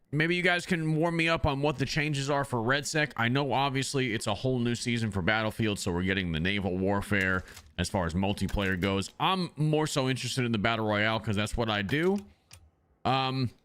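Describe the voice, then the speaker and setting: A man's voice: medium pitch, sharp tone, clear, resonant tone. A man chatting loosely to his viewers as a streamer, rambling with many ums, speaking into a desk microphone. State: has the hiccups. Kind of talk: casual livestream chat.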